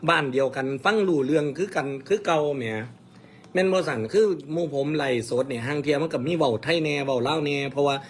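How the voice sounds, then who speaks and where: A man's voice: on the high side, fast talker, a little hiss or hum. Earnest man with an Isan accent. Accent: Isan, Khon Kaen area. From Isan, northeastern Thailand. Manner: earnest, lecturing viewers, plain-spoken. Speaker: mor lam performer answering comments on a livestream. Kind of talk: casual livestream chat.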